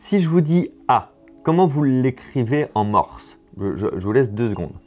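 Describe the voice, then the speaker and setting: Lively man explaining with animated pitch. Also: normal speed, faint music behind. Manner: lively, repeats words while explaining. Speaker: host explaining memory tricks. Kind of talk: casual educational video.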